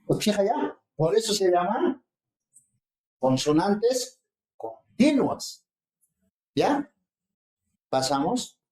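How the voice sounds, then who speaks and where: A university lecturer teaches a phonetics seminar, moving through the material step by step. The speaker keeps pausing to check in with the students. The voice carries the echo of a classroom. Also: medium pitch, big pitch swings, a little mellow. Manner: explains slowly, checks in with the class often. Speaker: linguistics lecturer.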